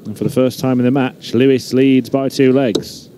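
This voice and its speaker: Following the play live, a man commentates on darts in a mellow, mid-pitched voice that stays steady and moderately paced, with faint noise in the background.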